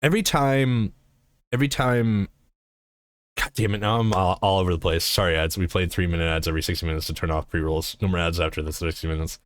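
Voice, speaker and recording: A man's voice: low-pitched, fairly even intonation, fast talker, no echo. A man streaming live, chatting casually and answering his chat in a rambling, swearing way.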